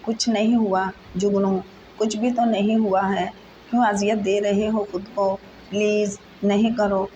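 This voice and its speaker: A devoted young wife, coaxing and pleading with her upset husband, as a woman reads her. The pitch barely moves. The recording is a little muffled, with faint noise behind it. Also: little pitch movement, dark tone, lightly acted. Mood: frantic.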